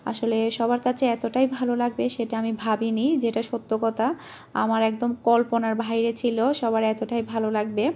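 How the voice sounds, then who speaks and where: A woman's voice: on the high side, flat delivery, normal speed, mellow. A woman vlogger from Bangladesh chatting casually while she cooks in her home kitchen, in a homely, rambling way. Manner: chatty, homely, with frequent fillers. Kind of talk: casual cooking vlog narration.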